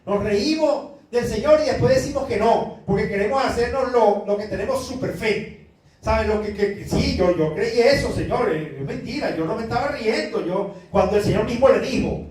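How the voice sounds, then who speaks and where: A male pastor with a high-sitting, somewhat dark voice preaches a sermon and reads from the Bible at a normal pace, earnestly asking his congregation "¿sabe?" over and over. The recording carries a slight hiss or hum, and he sounds far from the mic in a very echoey room.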